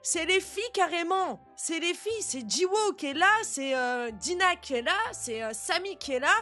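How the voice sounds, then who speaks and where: Une jeune femme qui réagit à des vidéos, commentant avec indignation et beaucoup d'argot. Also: female voice, very high-pitched, moderate pace, soft background music. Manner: animated, outraged, slangy. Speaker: reaction video host. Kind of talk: casual reaction commentary.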